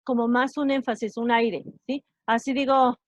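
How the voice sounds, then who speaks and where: Patient woman teaching pronunciation slowly. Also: a little high, fairly even intonation, dry recording. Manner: patient, slow, checks understanding with repeated "¿sí?". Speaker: English teacher. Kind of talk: online class explaining pronunciation.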